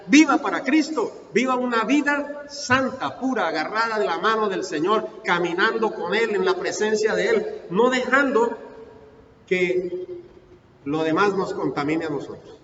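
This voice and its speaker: A high-pitched man preaches a sermon, firing off rhetorical questions and leaning hard on every scripture he reads. His voice comes from across a big reverberant church hall, a bit muffled and far from the microphone, with faint noise underneath. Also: a bit bright. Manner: reads scripture aloud slowly and emphatically. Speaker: pastor. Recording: echoey hall, distant mic, muffled sound.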